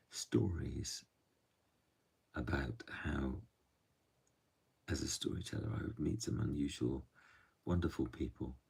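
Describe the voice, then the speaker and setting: A man telling a true story softly and gently, often dropping to a hush. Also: a bass voice, far from the mic. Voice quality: gravelly and husky. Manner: soft, unhurried, often drops to a hush.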